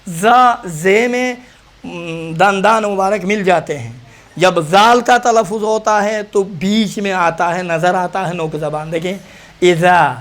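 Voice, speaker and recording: Male recitation teacher with a Pakistani Urdu accent and a high voice. Drills single letters by repeating them, then explains them patiently. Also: fairly bright tone. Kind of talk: practical pronunciation lesson.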